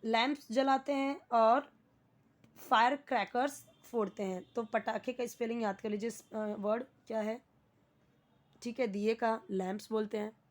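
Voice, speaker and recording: A young adult woman teaches English grammar, reading English sentences slowly before explaining every word in Hindi. Her voice is a little high and steady.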